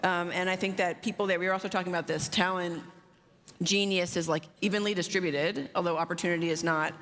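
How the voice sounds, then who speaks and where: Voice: mid-range voice, steady tone, quick pace, fairly bright tone. A panelist with a mid-range voice talks fluently and upbeat, dropping casual fillers throughout. The voice carries a long reverb from a large conference hall. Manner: fluent, upbeat, many "you know" fillers. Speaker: drone logistics company founder, panelist.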